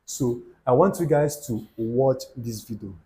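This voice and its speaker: A young Nigerian YouTube host with an Igbo accent gives a motivational talk to camera in a mid-range, warm voice that's animated yet unhurried. He's preachy and repetitive, dropping asides in Pidgin.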